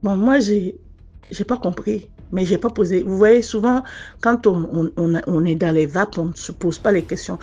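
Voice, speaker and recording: A woman telling her own story in a casual, earnest way. She often pauses and restarts as she talks. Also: medium pitch, warm tone, slightly rough, lo-fi sound. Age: adult mother. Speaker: listener sharing a personal testimony. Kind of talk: casual first-person storytelling.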